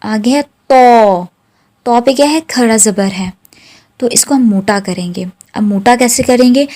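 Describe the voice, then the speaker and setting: Slow, patient woman teaching recitation. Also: medium pitch, darkish tone. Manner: patient, repeats syllables slowly for practice. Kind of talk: slow tajweed lesson with drawn-out recitation.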